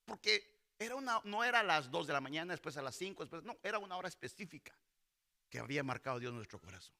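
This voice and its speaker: A man's voice: on the high side, very animated, fast, vocal fry, sharp tone. A middle-aged male pastor preaching a sermon in a church hall, calling out to the congregation and acting out voices from Bible stories. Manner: preaching with call-and-response to the congregation.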